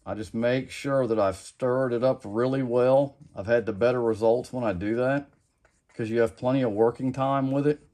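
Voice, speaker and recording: A custom lure maker, middle-aged, runs a casual how-to demo from his home workbench in a mid-range voice at moderate speed. He's laid-back and plain-spoken, rambling along and frequently falling back on "like I said."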